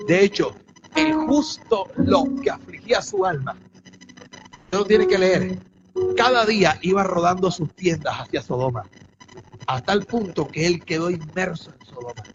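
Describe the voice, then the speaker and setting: A man preaching a sermon as a bishop, moving between quiet storytelling and shouted, fervent preaching. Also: high-pitched, animated, measured pace. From Colombia. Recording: dull, muffled sound with loud music underneath.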